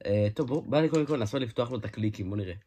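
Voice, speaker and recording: A man giving a casual hands-on toy review, excitable, exclaiming often and restarting his sentences. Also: medium pitch. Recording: noisy home recording with clicks.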